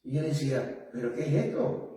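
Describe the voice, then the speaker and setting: A man giving his testimony as an evangelist in an interview. He talks in a halting, earnest way and keeps checking in with tag questions. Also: mid-range voice, animated, slight background noise. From Puerto Rico. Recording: very echoey room, distant mic, soft music.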